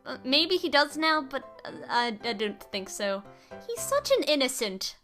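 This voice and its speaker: A woman's voice: high voice, big pitch swings, unhurried, sharp tone, faint music behind. A woman hosting a let's play, commenting on a game in a gushing, playful, theatrical way.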